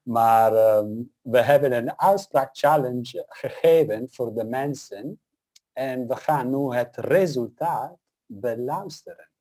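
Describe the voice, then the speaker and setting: A man's voice: medium pitch, slow pace, warm tone. A man co-hosting in casual chat, easygoing with some fillers. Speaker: co-host.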